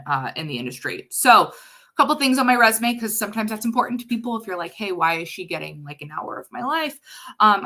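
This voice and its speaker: A woman in her thirties from the US West Coast, an HR consultant giving a casual, chatty webinar with a sarcastic streak. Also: on the low side. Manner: chatty and sarcastic, lively swings in loudness.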